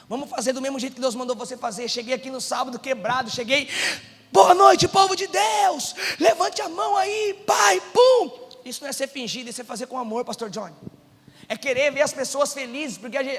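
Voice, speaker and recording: Brazilian male pastor, high bright voice, sermon with testimony, echoing church hall. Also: fast talker. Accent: Brazilian Portuguese. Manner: swings from hushed storytelling to shouted exhortation.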